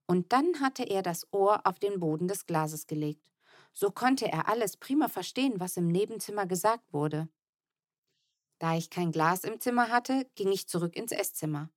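A woman reading a children's audiobook aloud in the first person, with lively, expressive storytelling. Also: mid-range voice, moderate pace, no echo, clean studio sound. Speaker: audiobook narrator.

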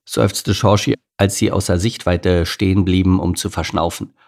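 A man narrating a children's animal story as an audiobook, reading lively and expressively. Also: sits low, normal speed, gravelly.

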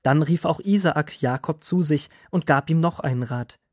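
A man narrating a children's Bible story in a calm, clear storytelling manner. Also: a little high, moderate pace, no room sound, clean studio sound.

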